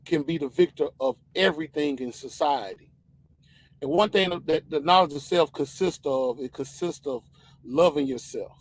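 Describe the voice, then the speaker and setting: High, gravelly man ranting casually. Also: rough recording. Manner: loose, rambling, repeats "you know what I'm saying". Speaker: podcast co-host. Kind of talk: casual opinion rant.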